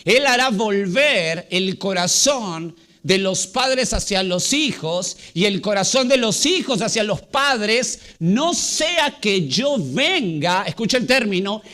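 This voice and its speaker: A man pastor preaching a Sunday sermon to his congregation. He asks rhetorical questions, repeats key words and slows down to stress them. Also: high-pitched, animated, bright, forceful tone. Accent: Latin American Spanish. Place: church.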